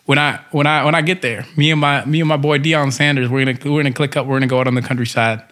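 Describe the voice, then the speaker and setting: Easygoing country rancher, acted by a man, folksy twang, average-pitched, conversational drawl. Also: fairly even intonation, quick pace, noisy background, natural voice. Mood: folksy, dreamy. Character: easygoing male cowboy rancher dreaming of country life.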